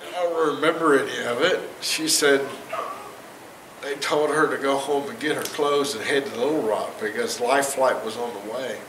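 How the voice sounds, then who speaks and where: Standing on a large church sanctuary stage, a church member in his fifties shares his testimony with the congregation, wandering through the story and laughing at his own jokes. He talks at a medium pitch and moderate pace. No mic is seen; a distant camera picked up the sound, which is echoey and noisy.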